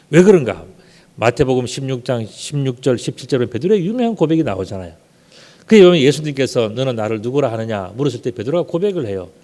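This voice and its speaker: A middle-aged male pastor from South Korea giving an emphatic, lively sermon, playfully putting on regional dialects. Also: medium pitch. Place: church sanctuary. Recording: long hall reverb.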